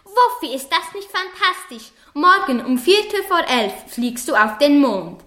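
A woman voicing a cheerful, excitable middle-aged man who owns a dog, beaming and overexcited, in a children's story. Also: high-pitched, unhurried, heavily acted. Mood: overjoyed.

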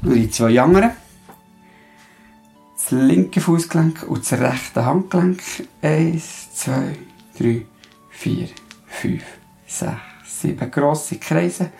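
Male exercise host, Swiss German accent, gravelly mid-range voice, informal delivery. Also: mid-range voice, warm tone. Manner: plain, informal, counting aloud. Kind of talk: casual exercise instruction.

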